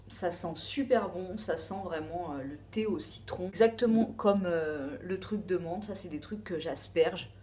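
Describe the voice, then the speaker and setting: A woman's voice: mid-range voice, a little hiss or hum. A woman with a French accent reviewing a beauty box in a casual, rambling chat full of asides and fillers.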